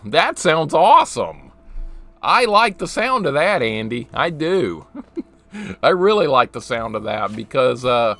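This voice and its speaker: A man in his forties chats casually with his stream's viewers while reacting to the game he's playing. His voice is medium-pitched with a sharp tone.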